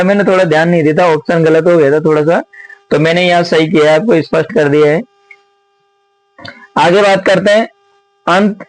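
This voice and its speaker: A man teaching Sanskrit grammar and working through exam questions, explaining slowly, repeating himself and asking his students many rhetorical questions. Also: on the high side, dry recording, low-quality recording. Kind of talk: exam question walkthrough lesson.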